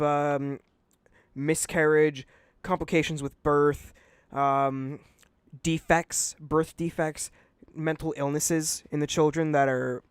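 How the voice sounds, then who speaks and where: A man's voice: fairly high pitch, clean tone, no echo. A man hosting a casual podcast chat and reading aloud, blunt and swearing a lot. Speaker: podcast host.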